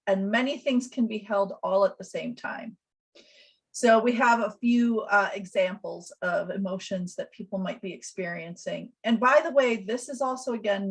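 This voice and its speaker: Gentle woman presenting on a video call. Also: mid-range voice, poor audio. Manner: gentle, reflective, explanatory. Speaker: death doula and presenter. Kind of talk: webinar presentation.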